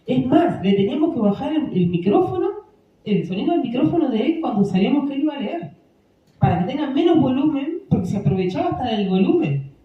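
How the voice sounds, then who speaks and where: Speaking fairly quickly in a high, narrow, sing-song voice, a woman leads a casual training session for a parish group in their meeting room. She keeps checking that listeners follow and seeks their agreement. The audio is tinny and echoey, captured from a distant mic.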